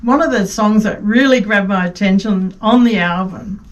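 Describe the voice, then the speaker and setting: A woman's voice: medium pitch, moderate pace. A woman, a band member who plays keyboard, chatting casually in an upbeat way and laughing along. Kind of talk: casual conversation. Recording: dull, distant mic with faint noise.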